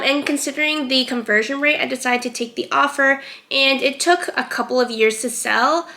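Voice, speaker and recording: A young woman who resells items chats in a casual vlog about things she has sold, her voice high-pitched and sharp. She's getting over a cold and says "um" and "like" a lot.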